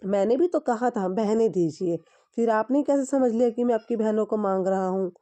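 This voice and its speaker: A woman voicing a quick-witted male royal courtier who answers politely but sharply, in a storytelling lesson. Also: a little high, dark tone, natural voice. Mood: quick retort.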